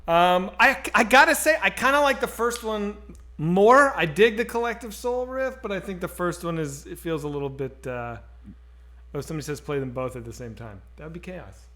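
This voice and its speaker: A man's voice: sits high, normal speed. A man with a nasal voice co-hosting a casual live stream, swearing freely and fumbling with the tech as he chats. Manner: profane, animated, fumbling with tech. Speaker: co-host.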